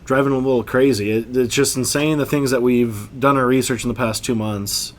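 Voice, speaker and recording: A man's voice: medium pitch, steady tone, fairly quick. Casting: male co-host, mid-range voice, sincere, repeats phrases, lots of agreeing. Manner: earnest, repeats himself, agrees often. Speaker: podcast co-host. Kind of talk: satirical podcast chat.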